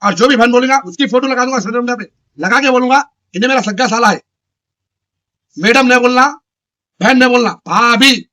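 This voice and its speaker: A man rants straight at the camera. His voice sits high and bright, and he hammers the same phrases over and over in short, loud bursts. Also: brisk. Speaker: local news channel chairman. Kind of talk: ranting address to camera.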